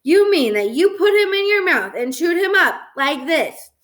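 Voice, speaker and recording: A woman's voice: sits high, big pitch swings, moderate pace. A woman voicing a flustered mother of two young boys who scolds and coaxes. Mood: coaxing. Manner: exasperated, scolding.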